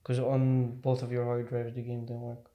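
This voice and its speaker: A man's voice: medium pitch, monotone, normal speed, muffled recording. A man chatting casually as a podcast co-host. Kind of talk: casual chat.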